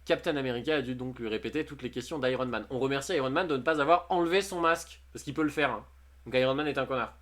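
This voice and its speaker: A streamer chats casually on a livestream, reading posts aloud and joking about them with frequent laughs. He talks fast, with a medium pitch and a fairly bright tone.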